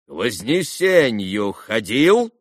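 A man's voice: medium pitch, sing-song, a little slow, no echo, studio quality, pitched above the performer's own voice. A man voicing a cocky, clever schoolboy who teases and questions people sternly, in a storybook reading.

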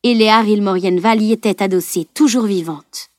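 A woman narrating a fantasy novel aloud in steady, measured storytelling. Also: medium pitch, no echo, studio quality. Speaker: audiobook narrator. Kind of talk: scripted audiobook narration.

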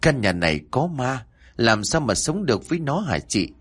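A man's voice: medium pitch, big pitch swings, moderate pace, a bit bright, breathy edge. A man voicing an anxious, insistent younger sister-in-law who speaks urgently and persuasively.

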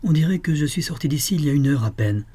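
A man's voice: on the high side, lively intonation, quick pace, dark tone, slightly rough, pitched above the performer's own voice. A man reading a novel aloud, voicing a confused young noblewoman who is losing her memory, in a raised, searching voice. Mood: bewildered. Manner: bewildered, breaking into anguished cries. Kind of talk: audiobook character voice.

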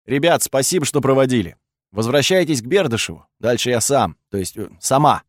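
A man's voice: medium pitch, animated, a little fast, no room sound, studio quality, close to an everyday voice. A man voicing a wry, unflappable young male mage hero who talks in an offhand, conciliatory way.

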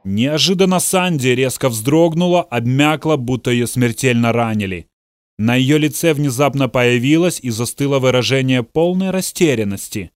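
His mid-range voice is smooth, delivered at normal speed in a clean, dry studio recording. Reading a novel aloud as audiobook narration, he gives it dramatic flair and voices the characters' shouting.

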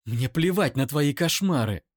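Shrieking enraged young woman, voiced by a male reader, lively pitch, dry close sound. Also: unhurried, no room sound. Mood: furious. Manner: screaming, raised pitch. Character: furious young woman shouting accusations.

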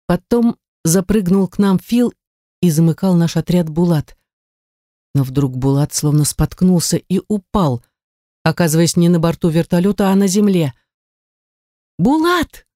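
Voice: mid-range voice, dark tone, dry recording, studio quality. An audiobook narrator reading a first-person story with dramatic, emotive delivery. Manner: dramatic, emotive, rises to cries in quoted lines.

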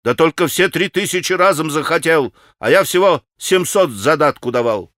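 Male narrator as a flustered young man begging, voice a bit high. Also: lively intonation, normal speed, fairly bright tone, no echo, studio quality. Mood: desperate. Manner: pleading, faltering.

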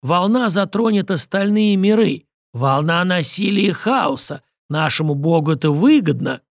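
A hoarse, hissing dead man raised from the table, as a male narrator puts him on. The rasp sits a little higher than a normal man's voice and drags slowly, in a dry, close recording. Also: lively intonation, dry recording. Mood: menacing. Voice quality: rasping, hissing. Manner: slow, drawn-out with clacking teeth. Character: hoarse reanimated male corpse, menacing fanatic. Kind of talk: audiobook character voice.

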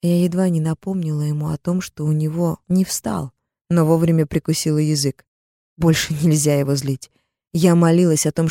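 A woman's voice: sits low, warm tone, no room sound, studio quality. A woman reading a first-person audiobook in a tense, dramatic storytelling manner. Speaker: audiobook narrator. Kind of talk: first-person scripted narration.

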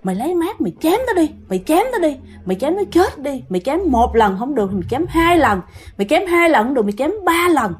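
A woman's voice: high-pitched, very animated, quick pace, voice pushed up. Woman whispering as an eerie urging spirit. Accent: Southern Vietnamese. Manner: hushed insistent whisper.

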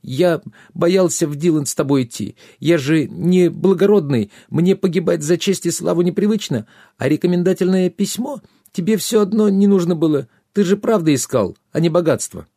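A man's voice: a little high, lively intonation, moderate pace, dark tone, dry recording, studio quality, pitched above the performer's own voice. A man voicing a frightened young runaway squire, whiny and pleading.

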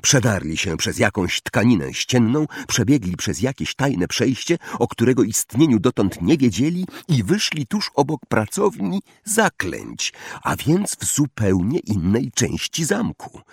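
A man narrating an audiobook in an expressive storytelling manner. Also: mid-range voice, a little slow, gravelly, breathy edge, dry recording. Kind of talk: scripted narration.

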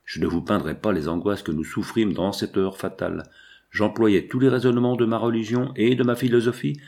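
A man reading a classic novel aloud in a measured, dramatic narration. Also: fairly low pitch, a little mellow. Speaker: audiobook reader. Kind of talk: literary narration.

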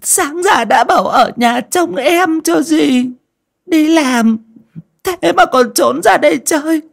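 A man voicing a scheming middle-aged village woman, who wails with fake tears in a shrill, drawn-out, sobbing voice in an audio story. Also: creaky, heavily acted. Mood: wailing grief. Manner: drawn-out theatrical lamenting.

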